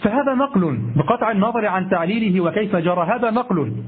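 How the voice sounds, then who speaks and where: A man's voice: high voice, animated, quick pace, a little hiss or hum. A man giving a grammar lecture, repeating his phrases, asking rhetorical questions and checking his listeners with "ha?". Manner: self-correcting, asks rhetorical questions. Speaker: grammar teacher. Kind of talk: classroom lecture on Arabic grammar. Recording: tinny lo-fi phone-like recording.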